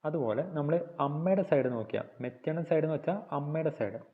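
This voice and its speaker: A male teacher with a Malayali accent explaining a textbook lesson, repeating points and quizzing the viewer, and reading English lines slowly. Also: fairly high pitch, lively intonation. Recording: phone-like narrow band audio.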